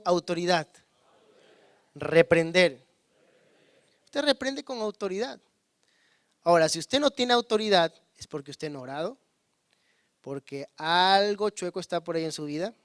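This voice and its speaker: High-voiced preaching man, dry sound. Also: no room sound. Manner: calls on the congregation to repeat words; swings between loud emphasis and hushed low asides. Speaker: pastor. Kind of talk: sermon.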